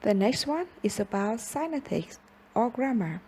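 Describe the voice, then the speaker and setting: Slow, careful young woman presenting in class. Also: on the high side, big pitch swings, a little mellow, breathy edge. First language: Vietnamese. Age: young adult. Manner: slow, careful reading with pauses between listed words. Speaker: student presenter.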